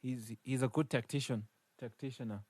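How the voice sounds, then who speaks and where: Excitable male podcast co-host. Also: mid-range voice, no echo. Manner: excitable, quick to laugh, restarts mid-sentence. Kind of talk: casual chat.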